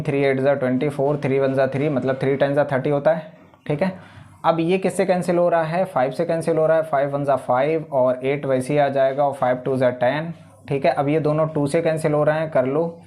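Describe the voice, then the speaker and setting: A man's voice: a little high, a little mellow. A man teaching an exam-prep math lesson, talking through each step patiently and often checking in with the class.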